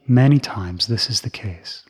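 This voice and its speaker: A man telling a Buddhist story to children, soft and often dropping into a whisper. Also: mid-range voice, a little slow, husky.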